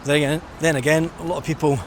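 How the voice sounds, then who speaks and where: On a walk by a busy seafront, a middle-aged Scottish man chats casually and thoughtfully for his vlog. His voice is on the high side with a level tone and a quick pace, and traffic and street sounds run underneath.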